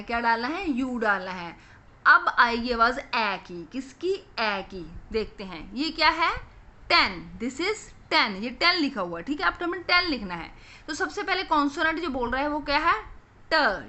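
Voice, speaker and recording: A young woman with a Punjabi accent teaching children phonics, asking questions and repeating each answer slowly. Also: fairly high pitch, pushed and bright.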